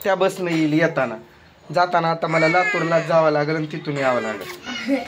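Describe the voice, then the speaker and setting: A man's voice: fairly high pitch, expressive, normal speed, very noisy. A man, chatting at home in a family vlog and teasing and scolding in turns. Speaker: family vlogger. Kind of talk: casual family chat on camera.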